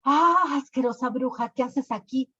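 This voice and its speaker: Woman doing a furious king, high and loud, for a spoken tale. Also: unhurried, breathy edge, exaggerated voice. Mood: angry. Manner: shouting, indignant. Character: angry old male king, just healed. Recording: lo-fi recording.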